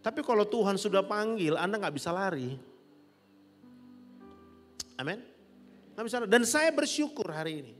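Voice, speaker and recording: Middle-aged pastor preaching in echoing hall. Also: male voice, high-pitched, normal speed, long pauses. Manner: animated, rising to loud peaks, laughing with the congregation. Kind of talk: sermon. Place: large church hall. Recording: long church hall reverb with soft music.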